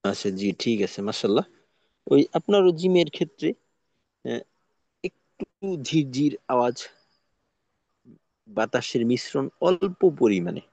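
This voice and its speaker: A man teaching Quran recitation in an online lesson, explaining slowly and patiently with pauses. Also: medium pitch, sing-song, gravelly, a little mellow, no room sound, dull audio.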